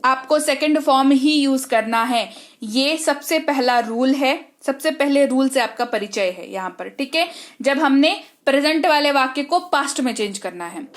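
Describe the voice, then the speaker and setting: A woman with an Indian accent, a native Hindi speaker, teaching an online English lesson in a brisk manner, drilling terms and checking in with her students often. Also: sits high, lively intonation.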